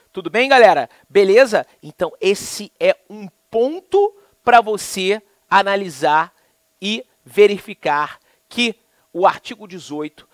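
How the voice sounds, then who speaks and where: Animated Brazilian man teaching law. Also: no echo. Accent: Brazilian Portuguese. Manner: lively, colloquial, acts out dialogue with swings in pitch. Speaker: law lecturer. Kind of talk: animated online law lesson with anecdotes.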